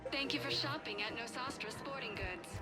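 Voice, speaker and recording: A chirpy store PA announcer. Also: female voice, moderate pace. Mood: upbeat. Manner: upbeat sales-pitch slogans. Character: cheerful female shop loudspeaker announcer. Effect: store public-address announcement. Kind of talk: video game voice acting. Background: loud game music.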